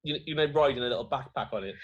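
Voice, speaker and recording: A man's voice: medium pitch, rapid-fire, lo-fi sound. A man playing a tabletop game, casual and dry-humoured as he trades jokes. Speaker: player.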